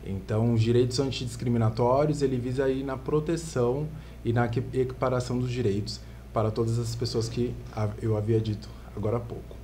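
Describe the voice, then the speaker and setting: A man from Santos with a Brazilian Portuguese accent, a lawyer explaining his field in calm, measured terms as a podcast guest. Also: mid-range voice, a little hiss or hum. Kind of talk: podcast interview. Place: podcast studio.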